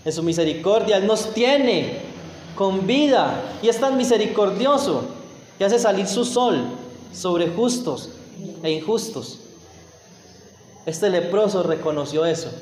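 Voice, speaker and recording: High-voiced man preaching in echoey hall. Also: unhurried, a little mellow, a little hiss or hum. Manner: emphatic, mimics whiny prayers. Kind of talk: sermon. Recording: roomy church hall with long reverb.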